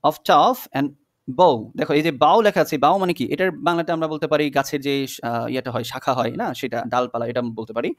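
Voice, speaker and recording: A man's voice: on the high side, steady tone, no echo. Patient male English tutor, close and dry. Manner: patient, repeats words slowly, checks in with "okay?". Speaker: English teacher. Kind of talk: classroom lesson explaining a poem.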